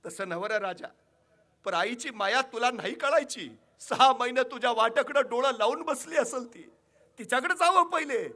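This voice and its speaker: A woman's voice: on the low side, expressive, normal speed, fairly bright tone. A male orator voicing a grieving, proud old village mother who speaks in rustic, scolding words. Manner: rural village speech, scolding and fierce.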